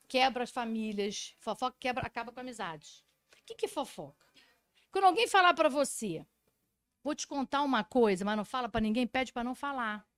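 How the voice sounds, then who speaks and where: A woman psychologist giving an animated talk, explaining with rhetorical questions. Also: sits high, no echo. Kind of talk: talk to an audience.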